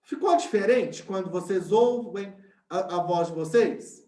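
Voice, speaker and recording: A man's voice: high-pitched, measured pace, dark tone, echoey room. A male science teacher, giving an online class and explaining step by step while often checking in with his students.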